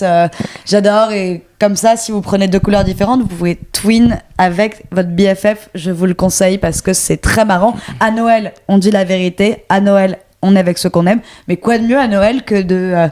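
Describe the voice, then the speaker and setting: A young woman in her twenties co-hosting a podcast in casual chat, lively and mixing in English slang. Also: mid-range voice, normal speed. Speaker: podcast co-host.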